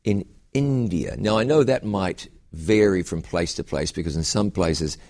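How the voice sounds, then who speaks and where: A man who is a pastor and host, interviewing a guest with curious, quick follow-up questions and frequent restarts. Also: low-pitched, darkish tone.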